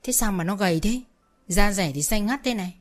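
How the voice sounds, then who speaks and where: A woman's voice: medium pitch, fairly quick, soft background music, close to an everyday voice. A woman voicing a worried older village mother who presses with anxious questions in a told story.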